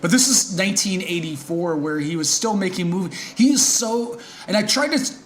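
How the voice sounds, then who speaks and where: Podcast co-host, man, high voice, laid-back chat. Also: moderate pace. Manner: relaxed, reads from notes. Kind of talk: casual chat.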